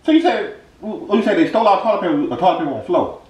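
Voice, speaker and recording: A man's voice: high voice, very animated, very fast, a little mellow, recorded from a distance. A man co-hosting a comedy vlog who stammers, repeats his words and keeps tagging his lines with "though". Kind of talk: comic improvised chat. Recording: roomy echo, from off-mic, faint noise.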